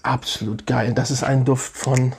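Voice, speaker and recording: A man's voice: medium pitch, level tone, a little slow, vocal fry, a little mellow, a little hiss or hum. A middle-aged man reviewing fragrances in a casual, enthusiastic way, often repeating his praise. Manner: enthusiastic, repeats words like 'sehr, sehr nice'.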